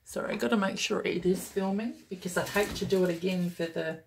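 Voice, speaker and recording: Excited woman doing a planner unboxing vid, lots of oh my gosh energy, a bit of vocal fry. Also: mid-range voice, fairly quick, a little hiss or hum. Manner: gushing and enthusiastic, chatty with fillers. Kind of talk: casual unboxing review.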